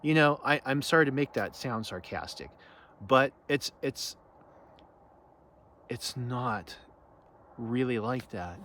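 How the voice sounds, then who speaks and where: A man's voice: mid-range voice, lively intonation, fairly bright tone, slight background noise. A man giving an unscripted spiritual talk as teacher, earnest and reflective, often restarting and searching for words. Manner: halting and searching, frequent restarts and "you know".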